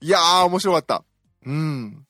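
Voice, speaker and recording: Guy rambling thru a movie review on his podcast, lots of uh and um, kinda high voice that bounces around a lot, dry sound, soft music under it. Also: expressive, a little slow, no echo. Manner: chatty, hesitant with frequent fillers, self-deprecating fan humor. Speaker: podcast host. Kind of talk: casual film review monologue.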